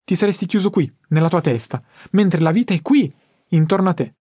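Audiobook: patient wise male mentor read by a man, slightly high voice, dry booth. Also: fairly quick, warm tone, slightly rough, no echo. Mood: patient teaching. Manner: patient, instructive. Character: calm wise older male teacher. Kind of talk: audiobook character reading.

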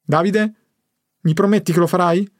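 A man reading the lines of an elderly grandfather in an audiobook, in a low, controlled, almost monotone voice. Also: normal speed, no echo, clean studio sound, close to an everyday voice. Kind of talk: audiobook narration.

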